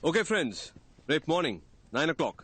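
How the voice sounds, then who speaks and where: An actor playing a stern male officer who interviews job candidates, speaking briskly. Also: fairly high pitch, big pitch swings, a bit bright, breathy edge, heavily acted. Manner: brisk, authoritative. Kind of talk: Telugu film dialogue. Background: film score music.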